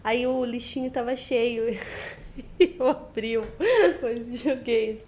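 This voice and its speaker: Animated Brazilian woman, high voice. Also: unhurried. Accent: Brazilian Portuguese. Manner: animated, laughing storyteller. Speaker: podcast co-host. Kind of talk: casual chat.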